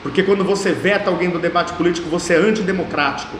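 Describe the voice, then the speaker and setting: A high-voiced man in his thirties with a São Paulo state Portuguese accent, making his case in an interview. He talks emphatically and hammers points home by repeating them. The room rings with a long, echoey reverb and a faint hum underneath. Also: quick pace, a bit bright. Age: 30s. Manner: emphatic, repeats phrases for force. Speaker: mayoral candidate. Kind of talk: political interview.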